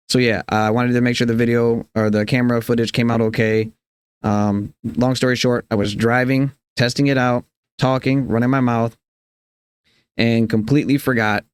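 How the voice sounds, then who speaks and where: A man's voice: on the low side, no room sound. A man giving a casual, rambling introduction to his vlog viewers. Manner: informal, rambling. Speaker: vlogger.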